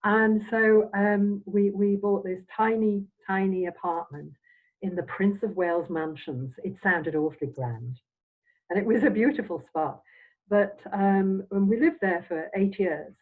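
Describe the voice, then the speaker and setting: Recorded with a dull, phone-like quality, a mid-range-voiced older woman from Scotland reminisces during an interview. A semi-retired Spiritualist minister and medium, she tells anecdotes reflectively, her speech halting, wandering and trailing off.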